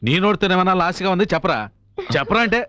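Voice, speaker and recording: An actor playing a rapid-fire blustering father. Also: high-pitched, noisy background, close to an everyday voice. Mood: scolding. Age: middle-aged. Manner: scolding, blustering. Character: blustering middle-aged father scolding his son. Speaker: father in a film comedy. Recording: dry film dialogue with music.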